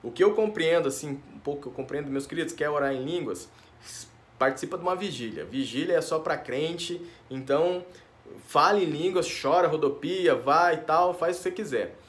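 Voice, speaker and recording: Brazilian male pastor, conversational preaching, slightly high voice, folksy and informal. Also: a little fast. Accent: Brazilian Portuguese. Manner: informal, tag questions, addresses listeners as dear ones. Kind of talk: conversational sermon.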